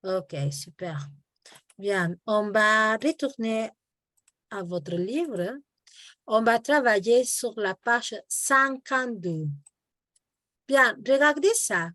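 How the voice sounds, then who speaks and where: A slow, measured woman with a slightly high voice leads a language lesson over a video call. She models each word patiently for her student to repeat. The sound is dry and close. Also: expressive, a bit bright, dry recording. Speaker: French teacher. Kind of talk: online language lesson, explaining in Spanish and French.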